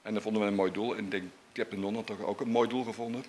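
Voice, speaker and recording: A man's voice: fairly low pitch, fairly even intonation, racing, darkish tone, a little hiss or hum. A man, a shop owner, giving an informal, unscripted speech of thanks. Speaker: gift shop owner and donor.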